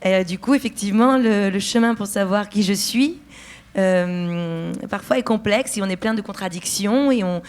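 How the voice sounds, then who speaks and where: A woman's voice: medium pitch, moderate pace, darkish tone. A woman from France, an actress and writer, answering festival interview questions in a thoughtful way, often searching for words.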